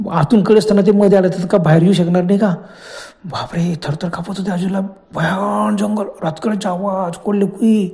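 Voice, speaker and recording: Hushed Marathi-accented male storyteller. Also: high voice. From Maharashtra, India. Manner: dramatic, drops to a hushed tone, voices the characters' cries. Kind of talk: casual spoken horror storytelling.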